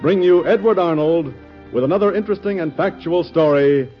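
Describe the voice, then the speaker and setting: A male network announcer reading a scripted radio sign-off with a lively, sing-song delivery, heard as an old broadcast transcription disc. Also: on the high side, brisk. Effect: old broadcast transcription disc sound. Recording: dull lo-fi old radio transcription with faint music.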